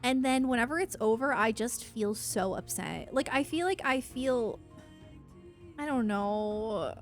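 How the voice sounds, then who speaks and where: A woman with a slightly high voice chats casually and a little slowly on a livestream, faint music behind her. She rambles effusively and pokes fun at herself while answering her viewers.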